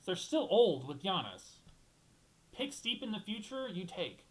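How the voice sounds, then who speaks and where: A man's voice: high voice, very animated, measured pace, rough recording. A young man hosting a solo basketball talk show, rambling and thinking aloud, restarting sentences and swearing casually.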